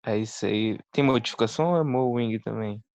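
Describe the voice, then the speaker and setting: A man's voice: fairly low pitch, a little fast, gravelly, darkish tone, no room sound. A man, a student answering hesitantly over a muffled video call, thinking aloud.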